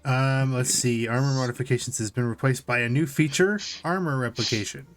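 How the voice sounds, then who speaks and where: This man co-hosts a relaxed tabletop gaming podcast, reading out notes in an informal way before adding his own commentary. He speaks at medium pitch and a little fast, with faint music behind him.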